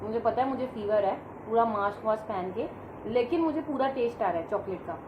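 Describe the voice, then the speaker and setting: A feverish woman vlogs from home, speaking casually and directly to her viewers in a slightly high voice. The recording sounds dull and roomy, with steady noise behind her. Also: a little fast. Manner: chatty, addresses viewers directly. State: sick with fever. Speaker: vlogger. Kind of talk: casual vlog chat to camera. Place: at home, indoors. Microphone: camera set in front of her. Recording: echoey room, dull and noisy.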